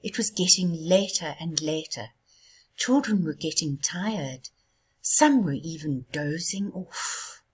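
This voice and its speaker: A woman reading a children's story aloud in a soft, hushed, half-whispered way. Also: low-pitched, slow pace, husky. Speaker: storybook reader.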